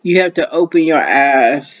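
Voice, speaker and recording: A man with a high voice preaches to his viewers at a slow, unhurried pace. He draws his words out, sighs often, and calls his audience "y'all". The sound is dull and lo-fi, like basic home video audio. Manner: slow, drawn-out delivery with frequent sighs, addressing viewers as y'all. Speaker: minister. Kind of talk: motivational preaching to camera.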